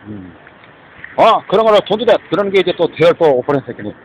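A man's voice: on the high side, sing-song, fast, slight background noise, rough recording. A man delivering a rambling, muttering monologue outdoors, trailing off and often tossing in a questioning "eh?". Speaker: street vlogger.

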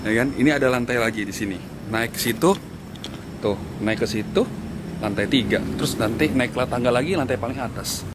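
Holding the camera at arm's length, a young Jakarta-accented Indonesian man chats in a relaxed vlog style. He's slangy and friendly with viewers, speaking at medium pitch and a fairly quick pace.

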